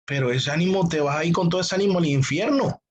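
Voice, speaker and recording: A man with a husky voice, pitched a little high for a man, teaching a church theology class. He presses his points with emphatic repetition and rhetorical questions. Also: fast talker, muffled recording. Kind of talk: teaching sermon.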